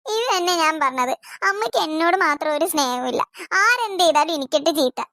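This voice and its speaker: A high, bright voice of a sulky older daughter in a cartoon, whining and accusing her younger siblings, as a woman puts her on. The recording is close and dry. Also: lively intonation, a little fast, no room sound, heavily acted. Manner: complaining, accusatory. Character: aggrieved teenage elder daughter, sulky and complaining.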